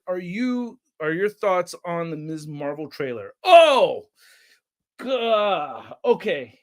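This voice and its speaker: Man, young adult, livestream host, rambling casual chat, slightly high voice. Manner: rambling, reads chat names aloud, excitable bursts. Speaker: toy channel livestream host.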